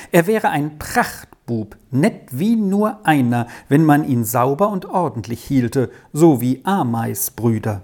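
A reader voicing a chatty, kindly middle-aged gentlewoman who talks in a lively way. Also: mid-range voice.

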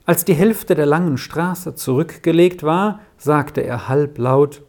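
A narrator reading a children's story aloud in a measured audiobook style. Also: medium pitch, a little mellow.

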